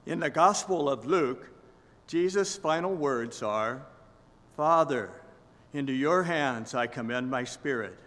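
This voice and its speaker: An older man giving a measured sermon reflection at a lectern in a large church sanctuary. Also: medium pitch, expressive, fairly bright tone. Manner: measured, deliberate reading. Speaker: minister. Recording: long church reverb.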